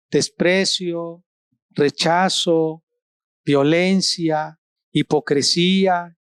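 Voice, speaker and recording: Slow, deliberate male pastor preaching. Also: clean tone, no room sound, studio quality. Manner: slow, deliberate preaching with long pauses between short phrases; rises in pitch for emphasis, drops low and soft on solemn words. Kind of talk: sermon. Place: church service streamed online.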